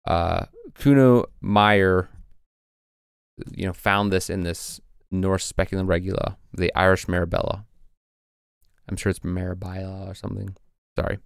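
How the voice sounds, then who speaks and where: A man's voice: low-pitched, fairly even intonation, measured pace, gravelly, clear, resonant tone, no echo, clean studio sound. A man co-hosting a casual podcast, reading passages from old texts with frequent fillers. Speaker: podcast co-host presenting research.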